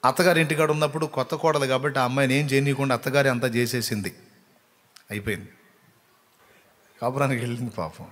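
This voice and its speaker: A man preaching a sermon, telling a story dramatically and acting out the voices in it with sudden loud rises. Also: medium pitch, steady tone, fast, long pauses. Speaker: pastor.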